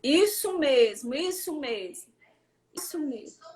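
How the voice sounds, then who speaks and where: A woman preaches in a prayer livestream, her voice set high. She speaks fervently and keeps turning to her listeners as "dear". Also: expressive, takes it slowly, crowd noise. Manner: fervent, addresses listeners as "querido".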